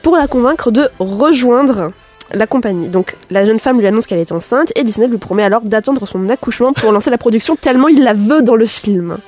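A woman's voice: a little high, brisk, darkish tone, soft background music. A woman presenting a film segment in a prepared but conversational style.

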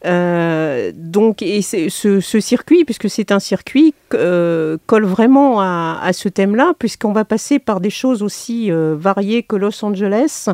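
Woman, teacher, hesitant, many fillers, dark tone, dry sound. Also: mid-range voice, animated, a little slow, few pauses, no echo. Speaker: teacher organizing a school trip. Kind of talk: radio interview.

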